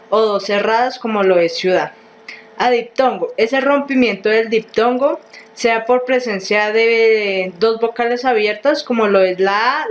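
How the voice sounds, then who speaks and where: A woman's voice: a little high, low-quality recording. Woman reading a grammar lesson. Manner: reads slowly and carefully, with small restarts.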